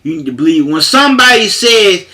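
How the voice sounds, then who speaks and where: Emphatic high-voiced man talking casually. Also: very animated, quick pace, bright, forceful tone. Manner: repetitive, emphatic, conversational with frequent fillers. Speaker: paralegal. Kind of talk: casual monologue to camera.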